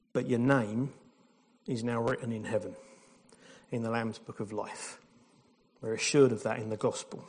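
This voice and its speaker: Casual man preaching at a baptism. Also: mid-range voice. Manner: informal, jokey preaching with fillers and restarts. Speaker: pastor. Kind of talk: sermon at a baptism service. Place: church service with congregation.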